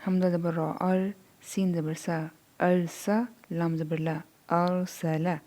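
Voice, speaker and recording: A woman teaching Quran reading, spelling out syllables slowly one by one, then explaining quickly. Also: fairly low pitch, little pitch movement, dark tone. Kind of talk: spelling out syllables in a slow lesson.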